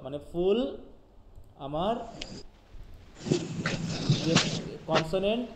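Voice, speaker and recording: A man with a Bangladeshi accent teaching a live linguistics class, asking students questions and reading English definitions out slowly. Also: high voice, animated. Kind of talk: live class lecture, mixing Bengali and English. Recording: echoey room, faint background noise.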